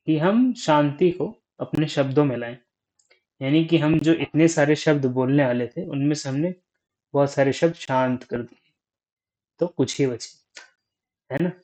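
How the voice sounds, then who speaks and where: A young man giving a casual talk on speaking, unhurried, thinking aloud and often checking in with the listener. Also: a little high, mellow, low-quality recording. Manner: frequent "ठीक है?" check-ins.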